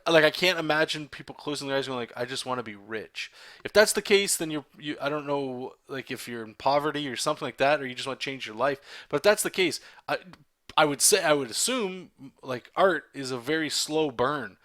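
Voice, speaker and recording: A Canadian-accented artist inks a comic on a livestream, chatting candidly with viewers while rambling and restarting sentences. His fairly high voice is brisk and a bit bright, with no room sound.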